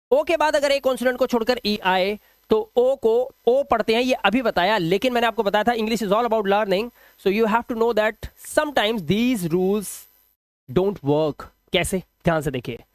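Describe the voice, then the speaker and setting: A man teaching English pronunciation rules step by step. He stretches each example word out slowly, repeats it, and keeps checking that the listener follows. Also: high voice, no room sound, clean studio sound. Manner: patient, step-by-step explaining with frequent checks.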